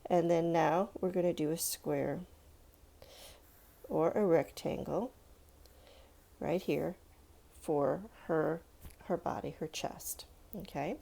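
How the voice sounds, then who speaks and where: Her voice is low-pitched and warm with vocal fry, and she speaks slowly with fairly even intonation, pausing often. She's a children's art teacher walking young viewers through a casual drawing lesson step by step, encouraging them, thinking out loud, and saying "let's" while checking in along the way.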